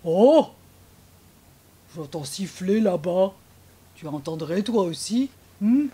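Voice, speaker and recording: A woman voicing a big, slow-witted storybook monster who hums and wonders aloud, in a children's storybook reading. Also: lowish voice, lively intonation, mellow, slightly rough, pitched below the performer's own voice, exaggerated voice. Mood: wondering. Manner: drawn-out, wondering, with humming sounds.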